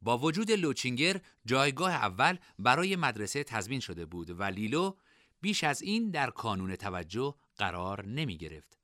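A man narrating a fantasy novel as an audiobook, his pitch rising and falling with lively expression around a middle register. The tone is bright and forward, and the recording is dry and close with no room sound. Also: no echo. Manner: expressive, varied storytelling delivery. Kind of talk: scripted narration.

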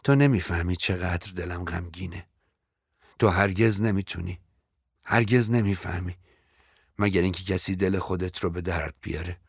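A grand, self-pitying older stage actress, put on by a man reading a story aloud. She draws out her sorrowful lines in theatrical sighs, and the voice stays deep. The sound is dry and close. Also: fairly even intonation, husky, dry recording. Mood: melodramatic sorrow. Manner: theatrical, drawn-out sighing lines.

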